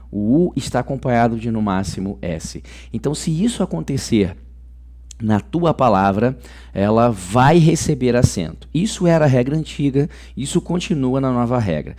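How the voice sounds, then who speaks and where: A man's voice: medium pitch, warm tone. A man with a Brazilian Portuguese accent teaching a grammar lesson online, chatty and informal, tagging sentences with "ok?". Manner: chatty, says "ok?" and "moçada" often.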